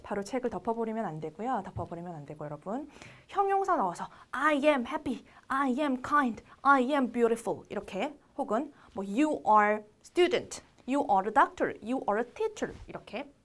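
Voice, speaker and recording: A woman teacher, her high voice swinging widely as she moves between explanation and example. She speaks unhurriedly, reading each English phrase out very slowly for learners to repeat, and now and then drops to a soft voice. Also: very animated. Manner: explains in Korean, then models English lines; drops to a soft voice when modelling some lines. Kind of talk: recorded English lesson for Korean learners.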